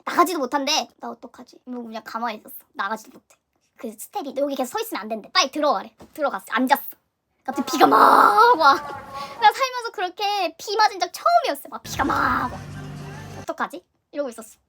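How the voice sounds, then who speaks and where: A young Korean woman telling a story in a casual vlog, animated and dramatic, acting out her own reactions. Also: high voice. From South Korea. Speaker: vlogger. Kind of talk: casual storytelling concert review.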